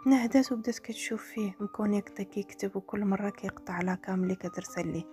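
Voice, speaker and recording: A woman with a Moroccan accent reading a serialized story aloud in a rapid, even narration. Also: mid-range voice, faint music behind.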